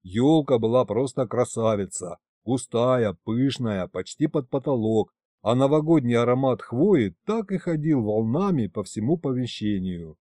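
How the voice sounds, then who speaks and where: Guy reading an audiobook, mellow tone, super dry close mic, voice goes up and down a lot. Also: mid-range voice, unhurried, hardly any pauses, no echo. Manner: lively, expressive. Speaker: audiobook narrator. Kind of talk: scripted narration.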